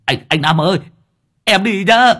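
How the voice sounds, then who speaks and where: A man's voice: high-pitched, measured pace, a bit bright, voice pushed up. A man voicing a flustered young male helper who asks anxious, fussy questions.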